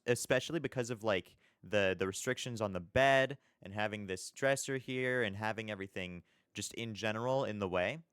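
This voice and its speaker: A man's voice: medium pitch, fairly bright tone, clear, resonant tone, no room sound, clean studio sound. A young man casually commenting on a video, thinking aloud with lots of questions and chuckles. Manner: musing, questioning, chuckles often. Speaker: reaction video host.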